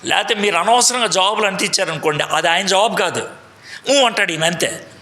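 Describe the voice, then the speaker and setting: A man's voice: high voice, expressive, fairly quick, sharp tone, echoey room, a little hiss or hum. A man teaching a Bible lesson to a meeting, quizzing the audience and mixing in English phrases. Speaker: preacher. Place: large meeting hall.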